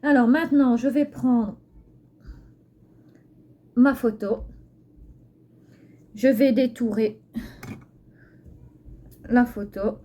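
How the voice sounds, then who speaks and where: A woman's voice: fairly high pitch, steady tone, very slow, pauses often, mellow. A woman with a lisp that makes her s slushy, chatting hesitantly as she thinks aloud through a craft tutorial, recorded on a phone. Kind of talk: casual unscripted tutorial chat. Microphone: phone used for filming. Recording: phone recording with faint background noise.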